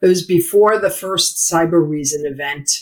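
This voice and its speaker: A middle-aged or older woman with a hoarse, froggy, croaking voice, talking conversationally as a podcast guest. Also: on the low side, normal speed. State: hoarse, needing lozenges. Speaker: podcast guest, former lawyer. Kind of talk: conversational interview.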